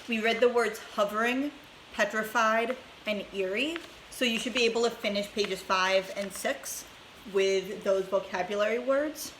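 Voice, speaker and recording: A woman teacher reading a children's book aloud with clear, expressive storytelling, then giving class instructions. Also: a little high. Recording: roomy echo, faint hiss.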